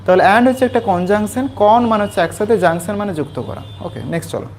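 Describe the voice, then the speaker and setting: A little hiss or hum runs under this West Bengal man's high-sitting, slightly mellow voice. He tutors school students in English in a small class, patiently and repetitively working through a textbook passage step by step and checking understanding with quick questions.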